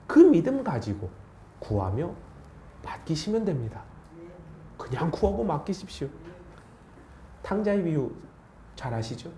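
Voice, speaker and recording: A man preaching a sermon as pastor, animated, asking rhetorical questions of the congregation. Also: medium pitch, a little hiss or hum. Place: church sanctuary. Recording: echoey church hall.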